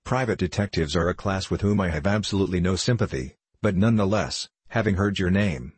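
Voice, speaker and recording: Brief: male reader as a pompous, indignant gentleman, low husky voice. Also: fairly quick, dry recording. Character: stout, pompous, respectable older gentleman, indignant.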